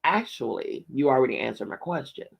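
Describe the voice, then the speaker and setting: A man reads the part of a middle-aged small-town husband from a storybook. His voice is creaky and mid-pitched, his manner casual, wry and a bit evasive. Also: very animated, brisk, exaggerated voice.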